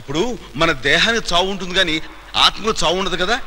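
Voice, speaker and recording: A man's voice: high voice, fast talker, sharp tone, in a large hall. An actor playing a nervous man pretending to solemnly explain souls in a film comedy. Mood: mock solemn. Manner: solemn, mock-philosophical explaining. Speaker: comic film character. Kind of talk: Telugu film comedy scene.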